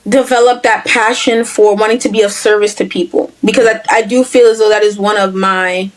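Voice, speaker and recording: A woman's voice: medium pitch, fairly even intonation, fairly quick, poor audio. A young woman chatting as a podcast guest, talking casually and filling her sentences with "like" and "um". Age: young adult. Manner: chatty, many fillers like "like" and "um". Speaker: podcast guest, content creator. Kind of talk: casual interview chat.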